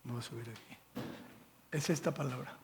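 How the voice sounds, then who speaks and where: A pastor preaches a sermon in a church sanctuary, speaking with a Mexican Spanish accent as he reads scripture and checks in with the congregation. He speaks in a mid-range voice at a moderate pace, with a big-room sound around him.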